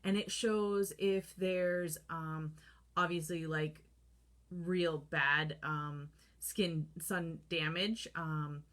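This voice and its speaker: A woman's voice: deep voice, fairly even intonation, extremely slow, a bit bright. A woman in her thirties talking casually to the camera about skincare, chatty and full of fillers, acting out her own reactions. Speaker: holistic skincare vlogger. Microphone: camera close up, holding products to the lens.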